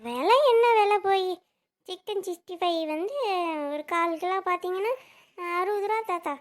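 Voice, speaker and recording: A woman's voice: extremely high pitch, moderate pace. A woman voicing a frazzled chatty stall girl. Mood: chatty, grumbling. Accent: southern Tamil Nadu. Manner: chatty, complaining. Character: young woman running a chicken stall, frazzled.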